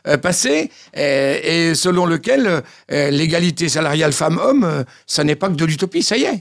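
A man's voice: fairly high pitch, animated, normal speed, vocal fry. A man hosting a casual radio show, putting questions and presenting in an informal, teasing way. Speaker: radio host.

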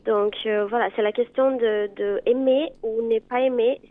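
A Brazilian woman in her twenties, a native Portuguese speaker with a Brazilian accent, calling in to a radio talk show and speaking hesitantly with many filler pauses. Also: fairly high pitch, steady tone. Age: 20s. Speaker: caller. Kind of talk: radio call-in chat. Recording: tinny phone line.

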